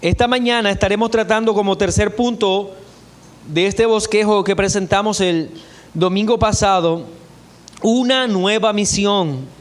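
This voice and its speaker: A pastor with a notably high voice for a man delivers a church sermon. He works through scripture in a steady, measured preaching style and reads the verses aloud.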